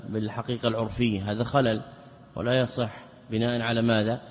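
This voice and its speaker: A man, a religious scholar, gives a classroom lecture on legal theory. He explains in a measured way, poses rhetorical questions, and slowly repeats key phrases. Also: mid-range voice, flat delivery. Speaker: Islamic scholar teaching a text. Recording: reverberant hall, dull lo-fi sound, faint hiss.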